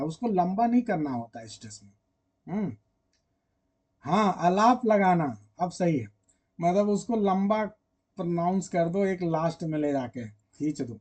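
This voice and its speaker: A man's voice: high-pitched, warm tone. A man teaching literature in a casual online lecture, chatting directly with his students and drawing out words when he sings an example.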